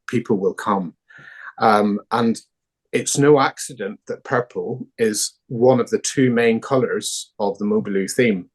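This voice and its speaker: A man's voice: medium pitch, slightly rough. A man with a Northern Irish accent, a founding director answering interview questions thoughtfully, with hesitant fillers. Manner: thoughtful, many fillers and restarts.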